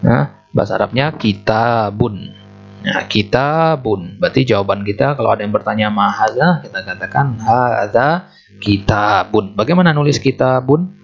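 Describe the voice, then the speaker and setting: A man teaching a beginner language lesson, patient, repeating words and spelling out letters slowly. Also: on the low side, vocal fry. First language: Indonesian. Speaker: Arabic teacher. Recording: muffled lo-fi recording with faint music.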